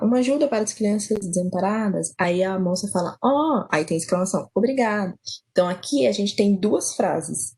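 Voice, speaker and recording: Young female tutor, husky voice, patient step-by-step explainer with many fillers, online class. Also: mid-range voice, a little mellow, rough recording. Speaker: grammar and writing tutor. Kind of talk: online grammar lesson.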